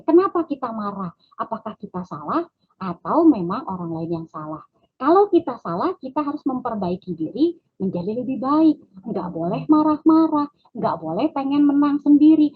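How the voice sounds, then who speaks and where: Woman, lay preacher, testimony, raised pitch, husky tone, tinny call audio. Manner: addresses listeners as "Bapak Ibu sekalian"; acts out dialogue with her child. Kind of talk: online prayer meeting testimony. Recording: thin phone-like online call audio.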